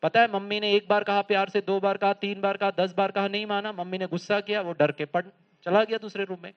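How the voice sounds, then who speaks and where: A man's voice: high-pitched, fast, clean tone. A man giving a motivational lecture with humorous stories and questions to the audience. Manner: lively, humorous storytelling, asks the audience questions. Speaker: spiritual lecturer. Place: lecture hall. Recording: slightly dull lo-fi recording.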